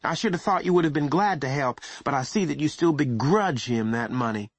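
A woman's voice: rumbling low, lively intonation, a little fast, breathy edge, dry recording, pitched above the performer's own voice, heavily acted. A man voicing a pushy, self-pitying middle-aged mother in an audiobook, insistent and plaintive. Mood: aggrieved. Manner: insistent, wheedling, turning plaintive.

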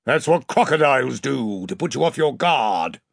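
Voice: medium pitch, animated, moderate pace, creaky, slightly rough, dry recording, studio quality. A reader voicing a cautious, respectful sea lord. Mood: wary. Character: wary grown sea captain, a lord.

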